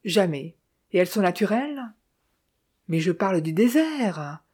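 A woman narrating an audiobook, reading all the characters in a mostly even, measured voice. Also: on the low side, slightly rough.

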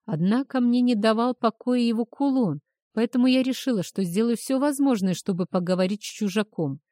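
A woman's voice: a little high, fairly quick, mellow, no room sound, studio quality. A woman narrating a first-person story expressively, rising on anxious questions. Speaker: audiobook narrator.

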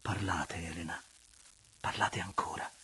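A man voicing a longing young gentleman in an audiobook reading, quiet and intent. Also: low-pitched, steady tone, measured pace, slightly rough, exaggerated voice.

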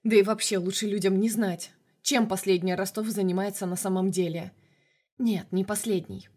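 A woman narrating a novel in an even, measured storytelling voice. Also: mid-range voice. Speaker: audiobook narrator. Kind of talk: audiobook narration.

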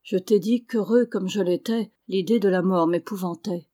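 A woman reading the lines of a seriously ill elderly father who speaks with earnest, measured reasoning. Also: mid-range voice, warm tone, lightly acted. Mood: grave. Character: ailing elderly father, grave and lucid.

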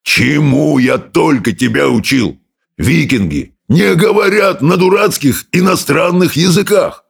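A man voicing a loud, bossy adult Viking teacher who roars his orders, in a rough, gravelly voice. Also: a little high, lively intonation, measured pace, pitched above the performer's own voice, full character voice. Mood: shouting. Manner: roaring, barking orders. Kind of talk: audiobook character voice.

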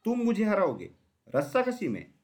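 A proud, towering elephant from a children's storybook, mocking the small in a loud, raised voice, as a male narrator puts him on. He is full of arrogance. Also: high voice, wildly swooping pitch, normal speed, voice pushed up, exaggerated voice. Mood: mocking laughter.

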